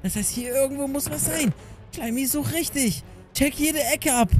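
High-voiced man leading an urgent Minecraft role-play. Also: moderate pace, over music. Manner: urgent, directing others. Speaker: YouTuber and narrator.

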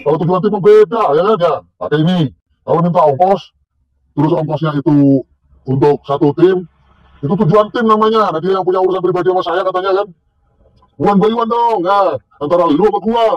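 Vlogger, male, middle-aged, husky, sneering and taunting, self-shot outdoors, muffled lo-fi sound. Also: high-pitched, brisk. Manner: mocking, scornful, taunting with laughs. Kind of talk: casual rant to camera. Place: outdoors by a tree near a corn field. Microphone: self-recorded on a handheld camera or phone.

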